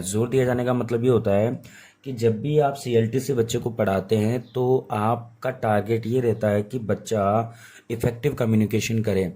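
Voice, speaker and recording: A man who is unwell teaching an exam prep lesson in Hindi, slowly reading English terms aloud and repeating key points. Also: on the low side, dark tone. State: unwell, voice sounds off.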